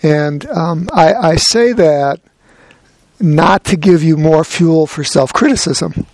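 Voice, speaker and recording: Slow easygoing guy giving a dharma talk, gentle, bit of humor, dry sound. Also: fairly high pitch, no room sound. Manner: gentle, reflective, lightly humorous. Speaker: meditation teacher.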